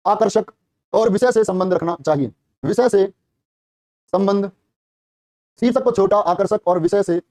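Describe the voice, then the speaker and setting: A man teaching a live online class for a police exam. He quizzes students rapidly, repeats each answer and praises them warmly, calling them brother and child. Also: high voice, no echo, clean studio sound.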